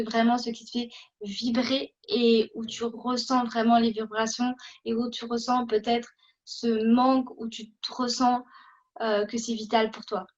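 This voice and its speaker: A woman with a fairly high voice hosts a casual interview on acting. She talks hesitantly, full of fillers and restarts. The recording sounds dull and lo-fi.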